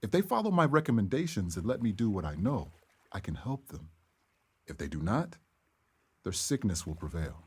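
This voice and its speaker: A man playing an earnest, calm healer in a stagey period drama, speaking in measured, formal phrases. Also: on the low side, slightly rough, full character voice. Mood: earnest, persuasive. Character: earnest young male healer, calm and devout believer in elders.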